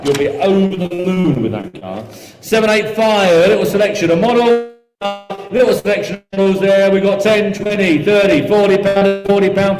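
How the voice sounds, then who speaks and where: A man calling a live auction, chanting and repeating bids and figures as auctioneer. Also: high-pitched. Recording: echoey hall sound with music behind.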